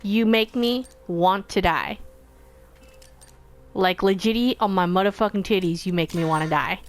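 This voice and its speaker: A woman's voice: medium pitch, moderate pace, faint music behind. A young woman commentating her gameplay casually, exasperated and dramatic, swearing freely. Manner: exasperated, profane, dramatic outbursts. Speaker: let's play gamer.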